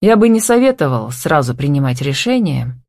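A woman's voice: extremely low pitch, very animated, moderate pace, darkish tone, no echo, heavily acted. A woman reading an audiobook and voicing a confident, wealthy businessman who teases and gives orders in a drawling, playful way, recorded dry and close.

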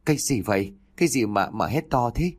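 A man's voice: medium pitch, expressive, fairly quick, close to an everyday voice. A man voicing a worried older mother pressing for answers in a narrated story. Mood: anxious. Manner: anxious, pressing questions.

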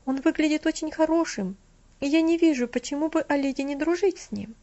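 A woman voicing a calm, gentle boy who speaks mildly and reasonably. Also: high-pitched, brisk, highs cut off, pitched above the performer's own voice, close to an everyday voice.

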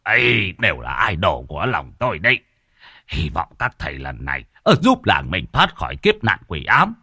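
A man voicing a jolly, excitable old village elder who fawns over his guests. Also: normal speed, husky, no echo, clean studio sound, exaggerated voice. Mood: gleeful. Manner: giggly, high and boastful.

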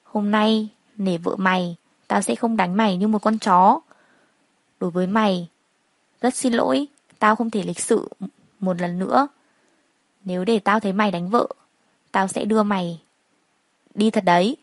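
Give me a wealthy, cool-headed young man who speaks calmly and firmly, with a hint of mockery, as a woman narrator puts him on. His protective streak shows in the steady way he talks, and the voice is dry and close. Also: medium pitch, moderate pace, pauses often, no echo, lightly acted. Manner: calm, firm, faintly mocking.

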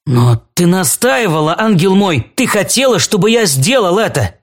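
A man's voice: sits high, very animated, normal speed, voice pushed up. A man reading a storybook, voicing a flustered, guilty man who pleads with his girlfriend. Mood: pleading. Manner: hesitant, pleading. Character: flustered, guilt-ridden man, a lover under pressure. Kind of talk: audiobook character voice.

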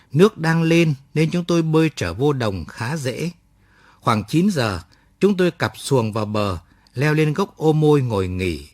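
A man reading a story aloud at night with measured, expressive storytelling. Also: medium pitch, dry recording, studio quality. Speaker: story narrator.

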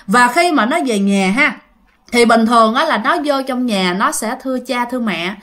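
Bright-voiced woman storyteller. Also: a little high, animated, normal speed. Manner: chatty, addresses listeners directly. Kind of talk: ghost-story narration.

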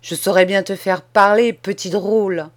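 Brief: woman reading as an irritable old schoolmaster, gruff, impatient, storybook audiobook. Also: medium pitch, steady tone, moderate pace, natural voice.

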